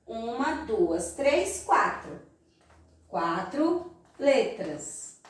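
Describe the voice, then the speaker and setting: A Brazilian woman teaching young children in a slow, sing-song voice, recorded in an echoey room from some distance. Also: on the high side, very animated. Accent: Brazilian Portuguese. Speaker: primary school teacher. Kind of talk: recorded remote class lesson.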